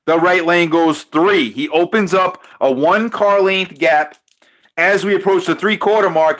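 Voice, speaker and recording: A man with a notably high voice calls a race live, excited and repeating his calls, tripping over names now and then. His voice is starting to wear out. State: losing his voice. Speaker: race commentator. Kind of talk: live play-by-play commentary on a diecast car race.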